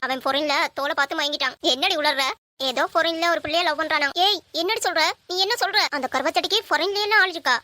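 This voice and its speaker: A woman's voice: high voice, sharp tone, dry recording. A young woman in a comedy skit, chattering and teasing like gossiping friends. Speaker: skit performer.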